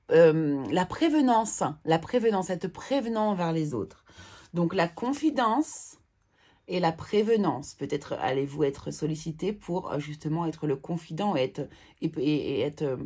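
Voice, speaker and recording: A woman giving a tarot reading, calmly reading out card messages and pausing with hesitant fillers. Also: on the low side. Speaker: tarot reader.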